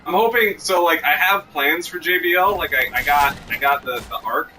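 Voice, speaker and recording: A man's voice: fairly high pitch, moderate pace, sharp tone. A man co-hosting a gaming stream, chatting casually in rambling, restarting sentences and swearing freely. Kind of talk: casual chat while playing a video game. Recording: distant mic with clear background noise.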